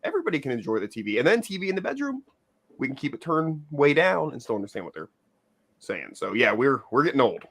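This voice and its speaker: A man's voice: mid-range voice, fast, breathy edge. A man co-hosting a podcast, rambling through casual chat with lots of fillers. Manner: rambling, animated, filler-heavy. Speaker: podcast co-host.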